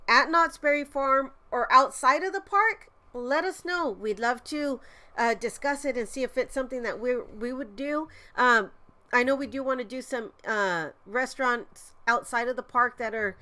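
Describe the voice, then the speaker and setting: Woman, livestream host, slightly high voice, bright and forceful, casual chat, excitable, has a cold. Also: moderate pace. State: sick with a cold. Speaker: live stream host and vlogger.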